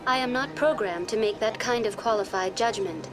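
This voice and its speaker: Avina, high-voiced virtual tour guide played by a woman. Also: music in the background, lightly acted. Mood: polite, composed. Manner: formal, polite, measured, impersonal. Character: courteous female virtual intelligence tour guide on a space station. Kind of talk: scripted informational game dialogue.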